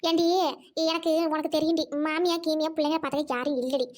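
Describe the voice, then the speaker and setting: A woman playing a grumbling village mother with a very high voice. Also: steady tone, fast talker, close to an everyday voice. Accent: rural Trichy Tamil. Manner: scolding, grumbling chatter. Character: harried village mother, middle-aged, complaining. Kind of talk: comedy skit acting.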